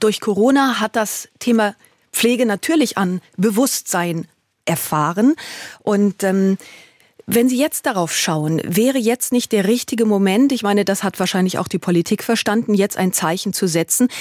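A woman's voice: mid-range voice, darkish tone, no echo. Woman radio host, dry studio sound. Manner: brisk, clearly articulated questioning. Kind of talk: radio interview.

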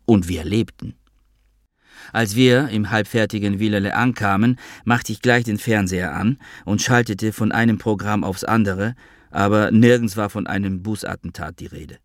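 A man reading a literary novel in the first person, measured and calm. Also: on the low side, no echo, studio quality. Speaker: audiobook narrator.

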